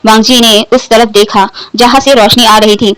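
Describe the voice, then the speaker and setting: A woman narrates a romance fan fiction story into a close microphone, so the sound is dry and intimate. Her voice sits a little higher than most, and her storytelling is steady and unhurried. She gives the characters' lines a light touch while staying in her own voice. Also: smooth, no echo, rough recording.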